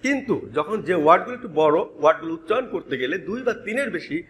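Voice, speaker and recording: A male teacher with a high voice runs through a grammar lesson at a rapid clip. He spells words out letter by letter and keeps turning to his students to ask for their attention. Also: expressive, fairly bright tone. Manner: spells words letter by letter and repeats key terms; addresses students directly, prompting attention. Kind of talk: classroom-style grammar lesson.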